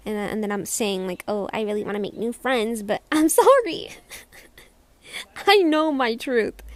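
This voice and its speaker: A young woman with a squeaky voice rambles through a casual vlog, sounding hesitant and self-conscious. She keeps restarting and trailing off, and the recording is dry.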